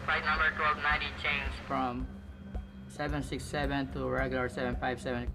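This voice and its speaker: A man reading a formal announcement over a loudspeaker in a work setting. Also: medium pitch, flat delivery, moderate pace, music in the background, rough recording. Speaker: airport staff making an announcement.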